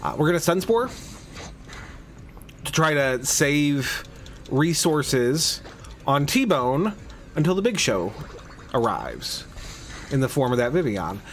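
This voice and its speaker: Slow and full of long pauses, his slightly high voice swings widely in pitch. He hosts a game playthrough podcast, giving relaxed let's play commentary as he rambles through his moves and restarts frequently.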